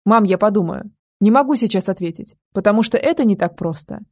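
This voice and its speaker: A woman's voice: medium pitch, a little fast, darkish tone, natural voice. Woman reading a torn, remorseful young sheikh. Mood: conflicted. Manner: hesitant, conflicted speech. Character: torn young sheikh, thirty-year-old man, remorseful.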